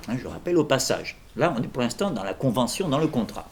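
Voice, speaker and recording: A man's voice: medium pitch, very animated, fast, a little hiss or hum. A man lecturing on philosophy in an informal workshop, digressing with jokes and questions to his audience.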